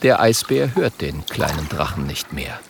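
A man calmly reading a children's storybook as narrator. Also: very deep voice, a little slow, vocal fry, background noise.

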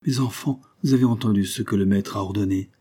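A man voicing a kindly woman housekeeper who speaks warmly and anxiously. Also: on the low side, fast, husky. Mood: fretful. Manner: warm, anxious.

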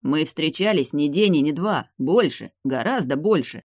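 A woman's voice: low-pitched, lively intonation, normal speed, a little mellow, no echo, clean studio sound. A woman voicing a persistent noble ex-lover. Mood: earnest. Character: young adult man, aristocratic ex-lover, persistent.

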